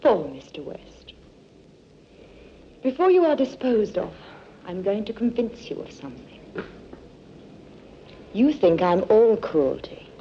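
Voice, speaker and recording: An actress playing a cruel, commanding woman villain who makes measured, cold threats, in 1960s film acting. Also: mid-range voice, sing-song, mellow, slight background noise. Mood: menacing. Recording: dull old film soundtrack with music.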